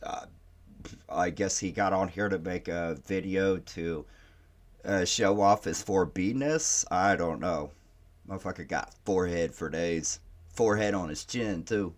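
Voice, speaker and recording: Low-voiced man doing mocking commentary. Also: a little slow. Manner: taunting, profane, laughing at his targets. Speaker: political commentator reacting to clips.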